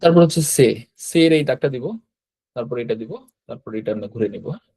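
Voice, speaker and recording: A man teaching an online lesson on writing characters step by step. He talks patiently, repeats each stroke, and often checks in with a quick "yes". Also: mid-range voice, lively intonation, vocal fry, warm tone, breathy edge. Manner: patient, repeats steps, frequent "hyaan" checks. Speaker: Japanese language teacher. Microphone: computer mic while drawing with a mouse.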